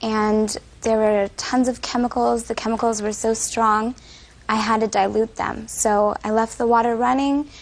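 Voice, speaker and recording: Young female defendant, very creaky and unvarying, measured and defensive on the stand. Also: a little high, steady tone. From California. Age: young adult. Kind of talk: courtroom testimony.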